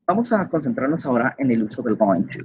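A man's voice: mid-range voice, sing-song, fast, darkish tone, breathy edge. Man, online class teacher, patient explaining, dull lo-fi computer mic. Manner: patient, explanatory, many fillers and checks like "¿sí?". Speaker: English teacher. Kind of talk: online lecture explaining grammar.

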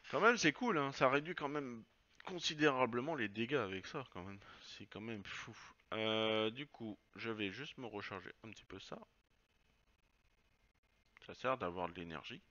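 A man's voice: mid-range voice, normal speed, sharp tone, muffled recording. A man commenting casually on his own game, swearing and thinking aloud as he plays. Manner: chatty, swears, muses aloud while playing. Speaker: let's play gamer.

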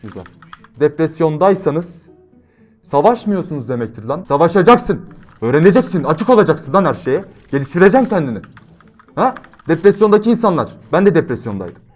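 A young man talks over his own gameplay, brash and full of slang. His voice sits a little high and moves a lot, jumping from loud bursts to quiet reflection. Keyboard typing can be heard behind him. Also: sing-song, brisk. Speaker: gaming YouTuber. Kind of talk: gameplay commentary with motivational talk.

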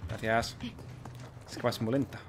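A man's voice: mid-range voice, level tone, noisy background. A man, chatty and swearing as he commentates his gameplay. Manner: chatty, quick, swears and cheers at the game. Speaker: gameplay host. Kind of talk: let's play commentary.

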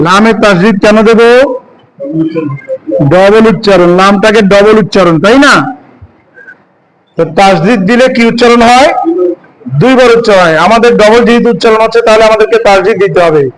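High-voiced man teaching letters. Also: rough recording. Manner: asks questions and answers them, drawn-out recitation. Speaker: Quran reading teacher. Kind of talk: classroom lesson on Arabic letters.

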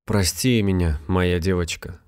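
A grieving young husband, curt and bewildered, voiced by a man in a very low register. His lines come short and clipped in a storybook reading. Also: steady tone, a little slow, a little mellow, clean tone.

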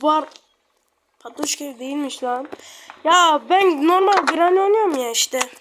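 A woman giving slangy, excitable running commentary while playing a game. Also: high-pitched, unhurried. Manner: excitable, slangy, blurting reactions. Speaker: gamer. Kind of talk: casual gameplay commentary. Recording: loud background noise.

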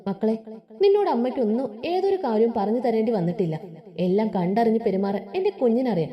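A woman's voice: fairly high pitch, expressive, fast talker, highs cut off, close to an everyday voice. A woman reading a story aloud, voicing a loving, worn-out village mother who talks in a tender, coaxing way.

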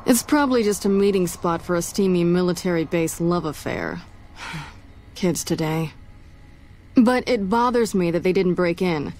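A woman's voice: fairly low pitch, animated, moderate pace, darkish tone, a little hiss or hum. An actress playing a no-nonsense female military police officer in a video game, wry and matter-of-fact.

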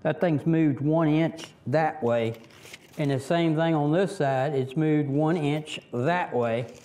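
Southern guy, middle aged, slow rambly folksy talk, kinda high voice, outdoors by the camera. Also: warm tone. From Virginia, US. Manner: rambling, folksy, many fillers and restarts. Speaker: tractor vlogger. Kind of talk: casual how-to vlog. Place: outdoors under a fabric shelter, kneeling by a tractor.

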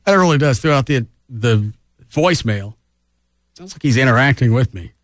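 A man's voice: mid-range voice, lively intonation, moderate pace, no echo, studio quality. A man hosting a radio show in casual banter, with a wry, teasing manner.

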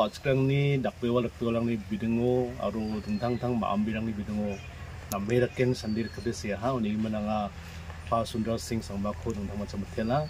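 A man speaking about a book outdoors, steady and explanatory. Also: mid-range voice, a little hiss or hum, rough recording.

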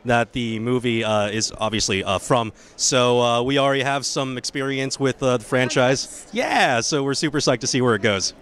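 A man who is a voice actor, relaxed and chatty, with plenty of fillers, into a handheld mic. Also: mid-range voice, normal speed, hardly any pauses, clear, resonant tone.

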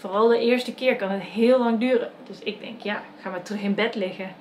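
A woman's voice: medium pitch, brisk, slight background noise. A young woman with a Dutch accent, casually telling a personal story to the camera, chatty and full of fillers and self-corrections. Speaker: vlogger telling her birth story.

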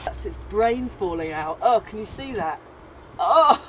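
A woman's voice: mid-range voice, expressive, a little slow, slight background noise, poor audio. Thirties woman vlogging in her garden; chatty, squeamish, laughs at herself. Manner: chatty, squeamish and self-amused. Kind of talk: casual to-camera vlog. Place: back garden outdoors.

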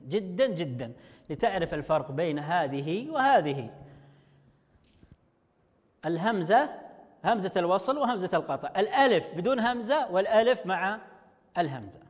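A male teacher giving an online language lesson to young children, slowly sounding out words syllable by syllable. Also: sits high, long reverb tail. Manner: slow, drawn-out syllable-by-syllable explaining. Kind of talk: online Arabic lesson for first graders.

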